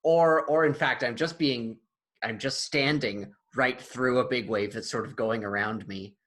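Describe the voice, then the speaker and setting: A man's voice: medium pitch, unhurried, a bit bright, rough recording. A man who acts and performs improvised solo shows, talking casually in a conversation and musing about acting with self-mocking humor. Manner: thoughtful, self-mocking, trails off and restarts. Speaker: actor and improviser, guest.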